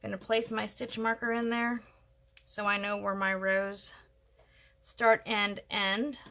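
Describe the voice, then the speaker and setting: A woman's voice: medium pitch, flat delivery, measured pace, bright, forceful tone. A woman hosting a casual crochet tutorial, chatting and thinking aloud as she works. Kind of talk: casual step-by-step craft tutorial.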